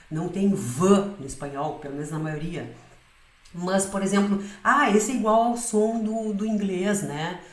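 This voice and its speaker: A woman with a fairly low voice gives a patient pronunciation lesson and keeps checking that her students follow along. Her voice sounds roomy, as if she is recording in an echoey room. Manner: explains patiently, often checking with "né?" and "certo?". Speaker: Spanish pronunciation teacher.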